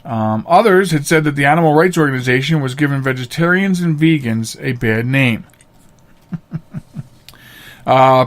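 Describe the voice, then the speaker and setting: This middle-aged podcast host offers casual, opinionated commentary in a voice that sits on the high side. His delivery is halting yet emphatic.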